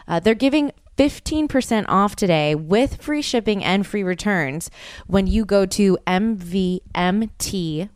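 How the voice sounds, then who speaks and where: Smooth, low-pitched young woman podcasting. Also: dry recording, studio quality. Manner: conversational, slangy, blunt. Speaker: podcast host. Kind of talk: casual solo podcast chat with ad reads.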